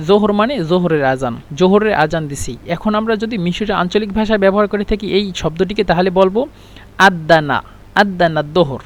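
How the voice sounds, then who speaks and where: A man teaching an Arabic lesson, explaining slowly and repeating words and letters one at a time. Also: high voice. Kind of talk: spoken language lesson.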